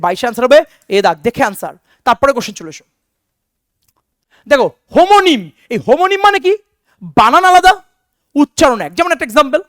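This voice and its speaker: A man's voice: very high-pitched, a bit bright, clean tone, no room sound, studio quality. A man teaching an online exam-prep lesson, drilling answers with repeated questions and calling his students "বেটা".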